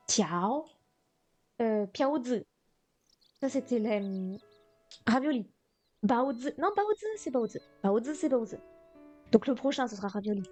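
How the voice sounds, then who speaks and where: Woman going through flashcards on a stream, slow and kinda high, fixes herself a lot, quiet music behind. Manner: thinks aloud, corrects herself often. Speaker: streamer studying Chinese vocabulary. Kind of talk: live-stream study session.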